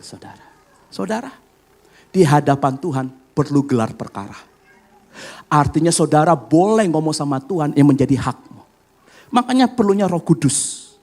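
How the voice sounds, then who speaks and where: A middle-aged male pastor preaching a sermon, swinging from loud, high exclamations to hushed asides, often calling on the congregation for an amen.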